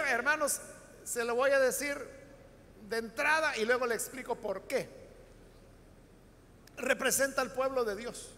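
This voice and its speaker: Salvadoran pastor guy, really high bright voice, explaining scripture and asking the church questions, long echo off the hall. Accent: Salvadoran Spanish. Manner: explanatory, addresses the congregation with rhetorical questions. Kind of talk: Bible study sermon.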